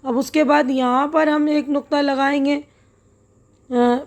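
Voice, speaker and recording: A woman teaching a lesson, spelling words out letter by letter and pausing often to check that her listeners follow. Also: sits high, steady tone. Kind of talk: step-by-step classroom lesson.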